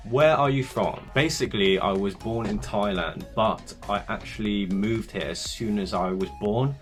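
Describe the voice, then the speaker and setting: A young man with a fairly low voice chats casually to his viewers, rambling and poking fun at himself. Faint music plays quietly behind him. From England. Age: young adult. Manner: chatty, rambling, self-deprecating. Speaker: YouTuber. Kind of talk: casual get-to-know-me vlog.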